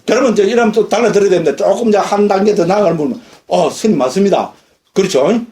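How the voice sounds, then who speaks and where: A middle-aged man, a Buddhist monk, giving a lively dharma lecture and asking his listeners questions. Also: sits high, racing. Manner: lively, questions the audience often. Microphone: lecture recording.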